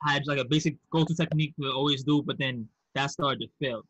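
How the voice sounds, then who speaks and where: Podcast guest, male, Queens accent. Casual and candid, sharp-edged bright voice, even intonation, slightly lo-fi. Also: mid-range voice, fast talker, slightly rough, no echo. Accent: Queens, New York. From Queens, New York. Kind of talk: casual conversational interview.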